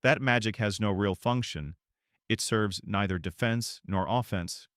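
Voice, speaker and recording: A man's voice: fairly low pitch, a little slow, fairly bright tone, clean tone, dry recording, clean studio sound. A man voicing a cold, commanding young nobleman who speaks curtly. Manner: curt and cold.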